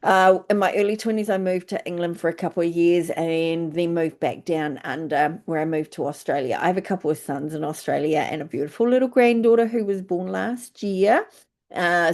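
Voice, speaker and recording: Casting: older New Zealand woman, lowish mellow voice, friendly recruiting talk with lots of ums. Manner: chatty, lots of fillers. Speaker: travel agent recruiter. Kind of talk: informal presentation.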